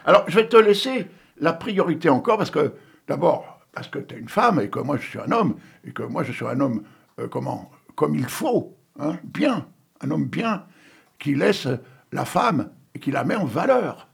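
A man in his sixties hosting a poetry session, chatting and joking between readings and reciting verse, with a gravelly, raspy voice. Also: on the high side, big pitch swings, a little slow. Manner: chatty, joking, digressive, coughing now and then. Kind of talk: casual chat and poetry reading.

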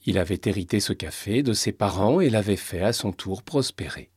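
Brief: a man reading a storybook aloud, steady, low and husky, dry close sound. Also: normal speed, dry recording. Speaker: narrator. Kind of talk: storybook narration.

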